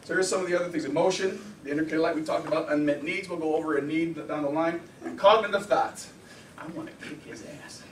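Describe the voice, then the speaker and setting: Animated man lecturing in an echoey room. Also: fairly high pitch, fast talker, hardly any pauses, distant mic, a little hiss or hum. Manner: animated, conversational, acts out quotes. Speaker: anger management instructor. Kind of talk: informal classroom lecture.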